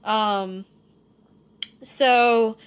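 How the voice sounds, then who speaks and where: A woman's voice: on the high side, fairly even intonation, very slow, smooth. A woman talking casually through a cooking vlog, a bit drunk, rambling and easygoing as she reassures her viewers. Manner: easygoing, self-deprecating, reassuring. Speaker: cooking vlogger.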